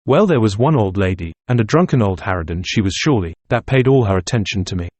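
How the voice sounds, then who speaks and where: A man's voice: fairly low pitch, expressive, fast, a little mellow, no room sound. A man reading as a wry old Irish rebel. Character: stubborn middle-aged Irish nationalist man telling a tale.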